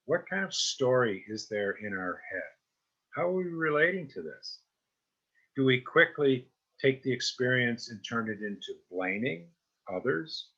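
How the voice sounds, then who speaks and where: A male mindfulness teacher talks his listeners through self-compassion in an easy, conversational way, often pausing to ask "right?" or "okay?". His voice is bright with a husky edge. The recording sounds a bit dull and lo-fi. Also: medium pitch. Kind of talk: guided self-help talk.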